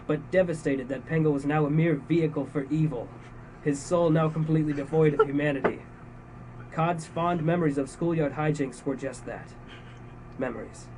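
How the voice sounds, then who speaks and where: A man's voice: fairly high pitch, darkish tone. A young man co-hosting a casual podcast, reading his own comic story aloud and giggling through it. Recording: distant mic, faint background hiss.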